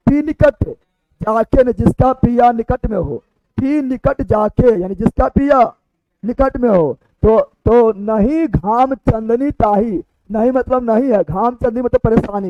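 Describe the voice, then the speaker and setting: A very high-pitched male teacher runs a blackboard lesson, firing questions and answering them himself. He draws out verse lines slowly when he reads them. The recording is dry and close, with a dull, lo-fi tone. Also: no room sound.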